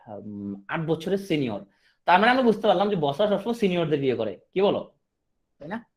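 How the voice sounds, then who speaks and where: A man with a Bangladeshi accent giving a coaching class lecture, joking with his students between points. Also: fairly high pitch. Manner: lively, joking asides to students. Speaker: teacher.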